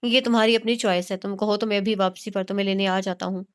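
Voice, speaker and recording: A woman's voice: medium pitch, steady tone, clean tone, close to an everyday voice. A woman voicing a tired, curt young husband who speaks bluntly and impatiently. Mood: curt, weary.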